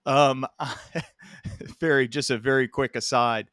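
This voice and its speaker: A man's voice: mid-range voice, steady tone, slow pace, a bit bright, no room sound, clean studio sound. A man hosting an interview podcast, chatting casually and laughing easily. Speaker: podcast host.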